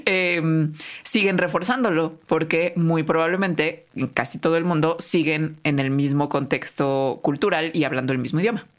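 A woman co-hosting a casual science podcast, chatty and explanatory. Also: low-pitched. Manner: chatty, explanatory, laughs often. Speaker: podcast co-host.

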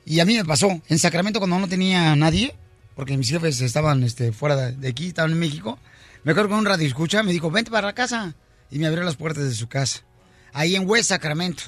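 A man's voice: on the high side, lively intonation, fast, fairly bright tone, no room sound, faint music behind. A man hosting a radio show, bantering playfully and telling jokes. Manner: playful, laughs a lot, tells jokes.

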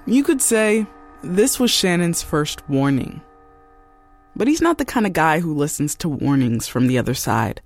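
A man giving scripted, measured documentary-style narration of a true story. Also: fairly high pitch, sing-song, creaky. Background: music.

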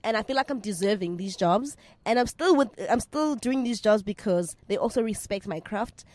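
A woman's voice: mid-range voice, expressive, moderate pace, darkish tone, no echo. A South African woman speaking as an interview guest in candid, casual chat, emphatic and repeating her phrases, with slang mixed in. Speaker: interview guest, actress and media personality.

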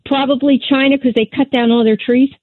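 A woman's voice: high voice, steady tone, brisk, no room sound. A woman from New Jersey calling in to a radio show over the phone, talking hesitantly with many ums and uhs. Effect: calling in over a phone line. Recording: dry tinny phone line.

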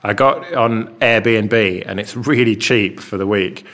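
A man with an English accent talks in a loose, rambling way, full of fillers. His voice is fairly low and bounces around a big, bare hall with a concrete floor, so every line carries a roomy echo. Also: takes it slowly, fairly bright tone. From England. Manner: rambling and chatty, with many fillers. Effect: big hall echo from an enormous, bare room. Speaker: podcast co-host. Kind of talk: casual chat. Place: large open flat with a concrete floor.

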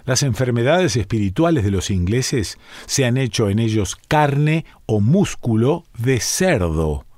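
A man's voice: mid-range voice, very animated, a little slow, a little mellow, no echo, studio quality. A man voicing a haughty, condescending male mystic who calls himself an initiate, in a read-aloud story. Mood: scornful. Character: scornful aloof male mystic, self-styled initiate. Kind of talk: audiobook reading.

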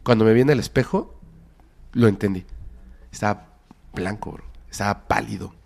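A man with a Mexican accent, a podcast guest telling a frightening story with dramatic whispers and sudden loud bursts. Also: on the low side, moderate pace, vocal fry.

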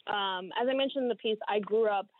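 Woman in her thirties, interview guest, thoughtful, phone-line sound, mid pitch. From Dominican Republic. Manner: measured, thoughtful, with frequent ums. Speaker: guest writer. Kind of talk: interview answers.

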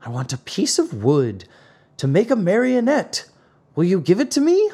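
A dapper little old man with a very short temper, voiced by a male narrator. His storybook voice sits high and swoops up and down, emphatic and easily offended. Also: huge pitch swings, normal speed, a little mellow, slightly rough, full character voice. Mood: eager.

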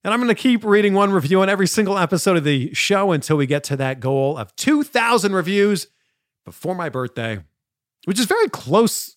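A man's voice: a little high, no room sound, clean studio sound. A man from Canada hosting a podcast, casual and upbeat as he interviews his guest. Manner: upbeat, animated. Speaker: podcast host.

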